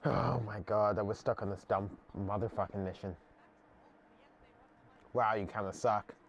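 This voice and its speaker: A man's voice: lowish voice, steady tone, measured pace, highs cut off, a little hiss or hum. A young man live-streaming a game, frustrated and swearing while talking to his chat.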